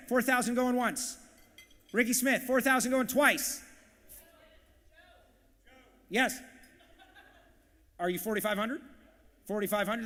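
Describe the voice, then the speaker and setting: A man working as auctioneer and emcee at a live charity event, calling bids in a rapid, punchy, hyped way. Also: sits high, bright, forceful tone, long reverb tail. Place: large banquet hall, live audience.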